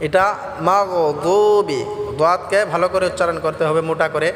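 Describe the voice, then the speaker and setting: A man teaching how to pronounce verses, explaining each sound slowly and chanting the lines in a drawn-out way. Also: a little high, flat delivery, fairly bright tone. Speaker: Quran recitation teacher. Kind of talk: tajweed lesson with chanted recitation. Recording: echoey hall with faint music.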